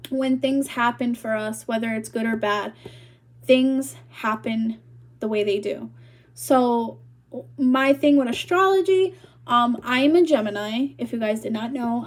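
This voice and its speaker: Chatty young woman with a high voice. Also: unhurried. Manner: rambling, full of "like" fillers. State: out of breath. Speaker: vlogger. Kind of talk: casual chat to camera.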